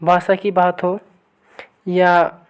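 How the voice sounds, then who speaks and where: A woman teaching an online grammar lesson, who keeps asking her viewers for the right answer and reads each sample sentence slowly and again. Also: on the low side, completely flat delivery, clear, resonant tone. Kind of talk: online exam-prep lesson.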